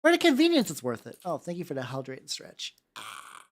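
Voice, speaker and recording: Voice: mid-range voice, wildly swooping pitch, fairly quick. A livestream host chatting casually while painting miniatures, talking constantly in a rambling, foul-mouthed way.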